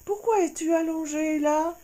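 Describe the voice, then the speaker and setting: A man voicing a small, timid but brave female mouse in a soft, high, trembling voice for a storybook. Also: measured pace. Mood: wondering. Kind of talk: storybook character voice.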